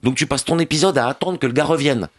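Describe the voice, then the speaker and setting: A man's voice: mid-range voice, fast, dry recording. A man giving a sarcastic, slangy, scathing TV review as a columnist on a radio morning show, recorded in a radio studio.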